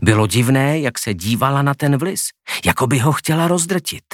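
Audiobook narrator, male, expressive, mid-range voice, dry close recording. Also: medium pitch, dry recording. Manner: expressive, acts out the characters.

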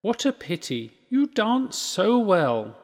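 A man voicing a clever little female monkey in a high, sweet, coaxing voice. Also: very animated, slow pace, in a large hall, full character voice.

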